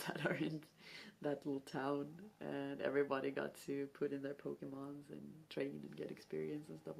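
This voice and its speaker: Low, gravelly-voiced young woman rambling. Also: darkish tone. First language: not English. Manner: rambling, giggly, self-deprecating. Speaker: vlogger. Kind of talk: casual chat to camera. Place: home, sitting at a low table.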